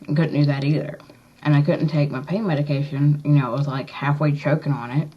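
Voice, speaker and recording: A woman chatting casually in a rambling, halting, matter-of-fact way, talking with a slightly swollen tongue. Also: sits low, steady tone, breathy edge. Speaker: vlogger. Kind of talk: casual chat to camera, piercing update. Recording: dull, lo-fi recording.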